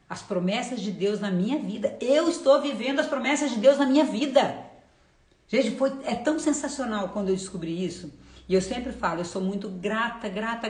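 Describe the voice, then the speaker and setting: A woman's voice: medium pitch, a little mellow, roomy sound. A woman with a Brazilian accent giving an informal, effusive faith testimony on a live stream, often repeating short phrases. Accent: Brazilian Portuguese. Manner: informal and effusive, calls the audience "gente". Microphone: live-stream setup, camera or phone.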